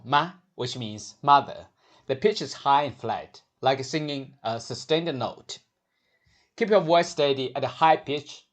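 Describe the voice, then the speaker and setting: A male teacher walks learners through Mandarin sounds in a calm, scripted lesson. His voice sits at an ordinary middle pitch. He models each syllable slowly and deliberately so it can be copied.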